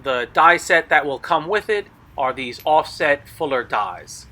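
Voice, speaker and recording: A man's voice: a little high, animated, a little slow, pushed and bright. A man narrating a product showcase as a video host, explaining details in a matter-of-fact way. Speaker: blacksmith video host selling tools.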